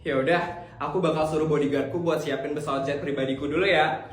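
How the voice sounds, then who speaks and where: A man's voice: on the high side, steady tone, quick pace, natural voice. A man voicing a spoiled, boastful rich schoolgirl in a comedy skit. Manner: casual, boastful, easygoing. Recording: echoey room with loud music.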